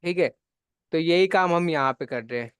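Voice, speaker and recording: In a live online spreadsheet class, a male instructor walks students through the steps patiently, pausing often to check in. He speaks at normal speed in a somewhat high, slightly bright, clean voice, and the recording is dry.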